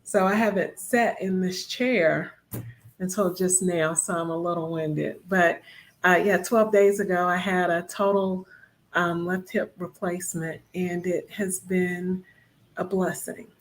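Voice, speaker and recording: A woman in her fifties co-hosting a casual talk show, a little out of breath, chatty and quick to laugh. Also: fairly low pitch, fairly even intonation, a little hiss or hum. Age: 50s. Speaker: co-host.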